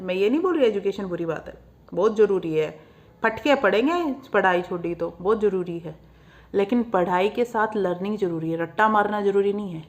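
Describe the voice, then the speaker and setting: A young woman from Haryana with a Haryanvi accent, talking bluntly to camera in a casual monologue and laughing at her own jabs. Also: mid-range voice. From Haryana, India. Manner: blunt and outspoken, mixing Hindi with English words and laughing at her own jabs. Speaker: vlogger.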